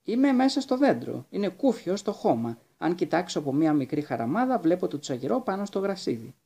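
Cheeky bold little girl from a storybook, high and bouncy voice, a guy doing it. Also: sing-song, creaky, mellow, breathy edge, full character voice. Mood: playful. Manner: cheeky, boastful. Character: bold, cheerful, carefree young girl. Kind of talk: storybook reading.

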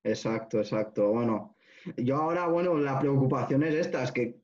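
A man hosting a casual chat, relaxed, swearing casually with many restarts. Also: mid-range voice, moderate pace. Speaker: host. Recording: dull lo-fi sound.

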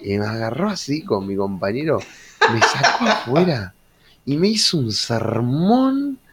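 A man's voice: medium pitch, big pitch swings, unhurried, noisy background. A man with an Argentine accent telling school stories in a casual chat as co-host, laughing often and swearing freely. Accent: Argentine Rioplatense Spanish. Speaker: podcast co-host.

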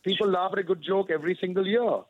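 A man's voice: high voice, fast, no echo, narrow, tinny audio. A man giving chatty, opinionated film gossip as a radio show correspondent, speaking with enthusiasm. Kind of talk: casual chat over radio.

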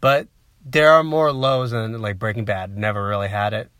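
A man's voice: lowish voice, fairly even intonation, moderate pace, fairly bright tone, clear, resonant tone, dry recording, studio quality. A young man chatting casually about TV shows, rambling and laughing often. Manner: rambling, laughs a lot, swears.

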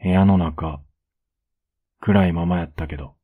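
A young man with a Kansai accent in a whispered role-play as a blunt, rough-spoken boyfriend who is caring underneath, recorded close up at home. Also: deep voice, fairly even intonation, unhurried, phone-quality sound. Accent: Kansai Japanese. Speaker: voice actor playing a boyfriend.

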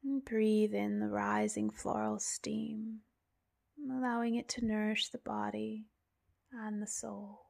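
A woman guides a soothing meditation in the manner of a sleep story narrator. Her delivery is very slow and even, with little movement in pitch. The soft, breathy voice often sinks toward a whisper and into gentle creak, with long pauses between phrases.

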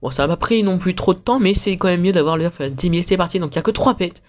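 Here a man whose voice sits high, captured in a muffled recording, introduces his gaming video upbeat and then chats fast and rambling, full of slang. He tells viewers he's sick, and phlegm catches in his throat.

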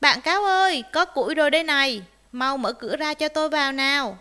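A woman doing a gentle little rabbit. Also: sits high, expressive, moderate pace. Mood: friendly. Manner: soft, polite, tearful. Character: small gentle rabbit, kind and easily upset.

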